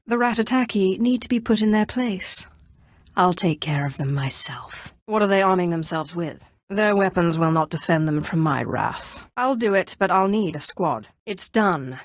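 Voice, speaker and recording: A woman's voice: lowish voice, no room sound, studio quality. A woman voicing an imperious, sardonic female Sith lord in a video game, speaking with haughty, cool menace. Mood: menacing. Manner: haughty, coolly threatening, dryly sardonic. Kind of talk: video game character voice acting.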